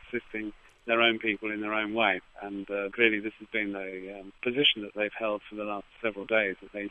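A man giving a news interview as an aid official, speaking haltingly with repeated false starts. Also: on the low side. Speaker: aid agency representative, interviewee. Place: phone call to a radio studio. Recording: tinny phone line.

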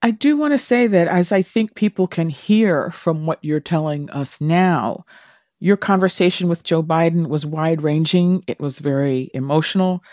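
A woman's voice: deep voice, moderate pace, a little mellow, dry recording. A woman hosting a radio interview, explaining and asking questions in a broadcast style on a close studio mic.

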